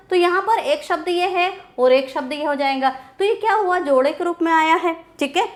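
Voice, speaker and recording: A woman teacher giving a grammar lecture, repeating key terms and answering her own questions. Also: sits high.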